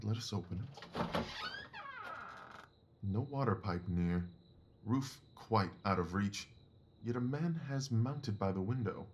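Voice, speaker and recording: Brisk and absorbed, a man with a voice on the low side portrays a keen, self-assured Victorian detective for an audio drama, choosing each word precisely and deliberately.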